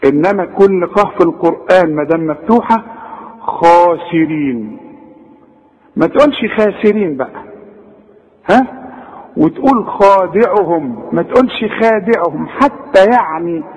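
A man's voice: sits high, animated, normal speed, big-room sound, poor audio. A man with an Egyptian Arabic accent teaching Quran recitation, drawing out example words and asking his listeners rhetorical questions. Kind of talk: tajweed lesson in Egyptian colloquial.

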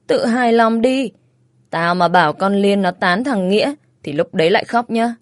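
A woman's voice: medium pitch, normal speed, dry recording, natural voice. A blunt, teasing older-sister type, as a woman reader puts her on, bossy and outspoken in a storybook reading. The sound is dry and close.

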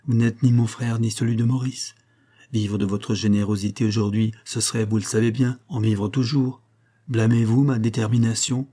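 A man reading the lines of a resolute young wife in an audiobook, earnest and measured. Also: lowish voice, little pitch movement, dark tone, close to an everyday voice. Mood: earnest, firm.

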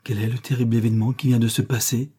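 A man's voice: mid-range voice, flat delivery, quick pace, warm tone, breathy edge. A man reading a storybook, voicing an imperious young lady insistently demanding answers.

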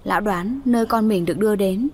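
A woman's voice: mid-range voice, fast. A woman reading a dramatic story aloud as audiobook narrator.

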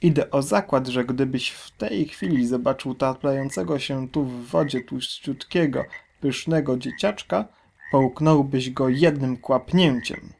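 Man doing the Enormous Crocodile, greedy and loud. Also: medium pitch, unhurried, vocal fry. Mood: greedy boastful. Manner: gloating, loud. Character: huge greedy boastful male crocodile.

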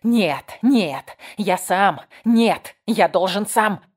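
A woman reading an audiobook voices a desperate, vengeful armed man with harsh, loud demands. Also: lowish voice, animated, moderate pace. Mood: desperate shouting. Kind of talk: audiobook character voice.

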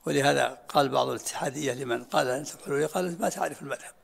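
A man's voice: medium pitch, racing, vocal fry, slightly rough. An older man teaching a religious lesson in short, repeated phrases and answering students' questions.

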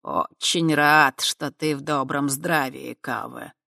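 An audiobook reader voicing an elderly male mentor wizard who speaks slowly and low, calm and wry. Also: vocal fry, breathy edge, no room sound, studio quality, heavily acted. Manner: slow, low, measured speech. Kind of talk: audiobook character voice.

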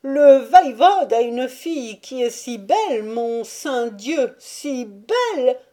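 A woman's voice: high-pitched, expressive, takes it slowly, dark tone, voice pushed up. A woman reading aloud and voicing a fearful, pleading old male trader who protests his honesty. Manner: voice raised, wheedling and protesting.

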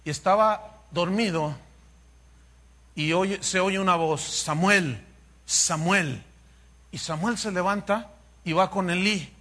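A man's voice: high-pitched, measured pace, pauses often. A man preaching a sermon, telling a Bible story with humor and acting out the dialogue. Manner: animated, humorous, acts out dialogue. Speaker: pastor.

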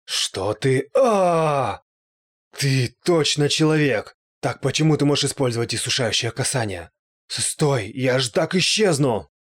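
A man's voice: medium pitch, expressive, moderate pace, a bit bright, breathy edge, voice pushed up. A man voicing a gloating, spiteful male ghost in an audiobook, with a raised, strained, taunting voice. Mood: angry.

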